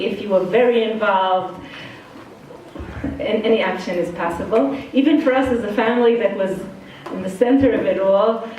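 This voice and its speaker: A woman's voice: medium pitch, a little mellow, slight background noise. A middle-aged woman from Israel with an accent that is part Israeli and part Brooklyn, speaking frankly and casually as a guest speaker to students in an indoor study hall. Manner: frank, casual, self-deprecating. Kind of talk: informal talk to students. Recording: very echoey hall, far from the mic.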